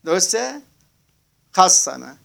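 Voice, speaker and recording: A man teaching a grammar lesson to a class. His voice sits high and carries a gravelly edge, and he stretches out each word he spells while checking that his students follow along. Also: very animated, pushed and bright. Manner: slow, drawn-out spelling of words, asks class to confirm.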